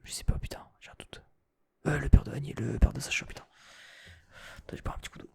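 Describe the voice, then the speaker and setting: A man's voice: mid-range voice, steady tone, fast, gravelly, darkish tone, breathy edge. A young man whispering casual ASMR chat, hesitant and thinking aloud with many restarts and casual swearing.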